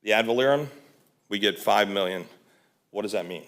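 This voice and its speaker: A volunteer presents to a county board in a county commission meeting room, using a lowish, slightly bright voice at a moderate pace. His delivery is conversational and informal, full of fillers and restarts.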